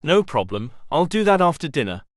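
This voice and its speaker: A man's voice: fairly high pitch, big pitch swings, a little fast, no room sound, clean studio sound. A man voicing a kindly housemother woman with a strong Devon accent, homely in her manner.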